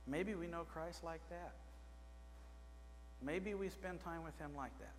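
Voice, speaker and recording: A man's voice: fairly high pitch, slow. Man preaching in a reverberant church. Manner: conversational, asks the congregation questions, gestures at a pulpit. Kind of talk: sermon. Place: small church sanctuary. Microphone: pulpit microphone. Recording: reverberant church with faint mains hum.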